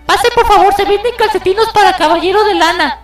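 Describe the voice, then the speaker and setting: A man doing a shrill squeaky young woman. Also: echoey room, far from the mic, soft background music. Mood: chatty. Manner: high squeaky falsetto, fast. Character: shrill young woman making grammar mistakes.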